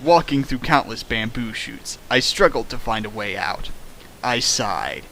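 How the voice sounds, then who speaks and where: Reading fan fiction for his stream, a man keeps interrupting himself with sarcastic comments and sudden sing-song passages, making it a comedic, riffing dramatic reading. His voice is medium-pitched, gravelly and sharp, animated yet unhurried, over a rough recording with a little hiss or hum.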